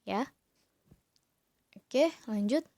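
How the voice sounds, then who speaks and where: A woman's voice: a little high, animated, extremely slow, dark tone, a little hiss or hum. A woman teacher patiently explaining, step by step, how to read a poem to her young pupils. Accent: Indonesian. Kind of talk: online class lesson.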